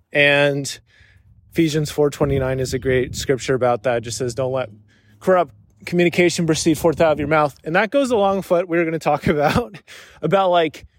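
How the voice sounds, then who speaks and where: Solo podcast host, male, higher register, loose rambling delivery, dry close sound. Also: dry recording. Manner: rambling, heavy use of filler "like". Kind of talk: casual solo podcast talk.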